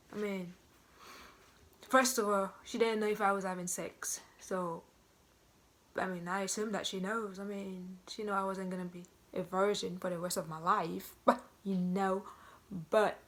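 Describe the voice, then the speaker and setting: Chatty young woman telling a story. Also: mid-range voice. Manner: chatty, animated retelling with quoted dialogue. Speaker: vlogger. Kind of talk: casual story-time monologue.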